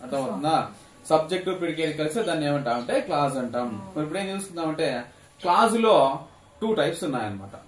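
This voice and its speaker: A man's voice: on the high side, animated, racing. A man teaching English grammar to a class, asking questions and repeating the key terms for students to echo back. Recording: echoey classroom, mic at a distance, faint noise.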